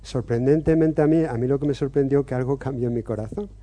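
Man in his 50s answering faith questions, earnest, reflective, very mellow dark voice, lots of little hesitations. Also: medium pitch, fast talker. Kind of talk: personal testimony and teaching.

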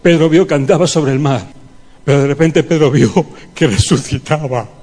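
A man's voice: fairly high pitch, normal speed, a little mellow. A man leading a fervent prayer and sermon in a church, pleading and calling on the congregation. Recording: long hall reverb.

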